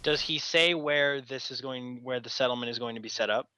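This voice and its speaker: A man's voice: mid-range voice, fairly quick, bright, forceful tone, clean tone. A man playing in a tabletop game, talking in a hesitant, rambling way. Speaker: player.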